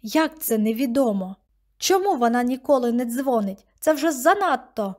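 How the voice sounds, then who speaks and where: Woman doing defiant teenage girl, high voice, sharp, demanding, audiobook. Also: normal speed, lightly acted. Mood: outraged. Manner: pleading, then sharp and demanding. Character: upset teenage girl, quick-tempered and defiant.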